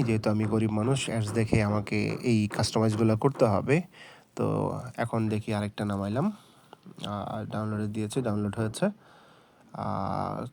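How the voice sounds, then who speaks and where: Man hosting a tech channel: low, mellow, self-mocking, easygoing tutorial delivery. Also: gravelly. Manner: chatty, self-mocking, with many "ah" fillers. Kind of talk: casual screen-recording tutorial.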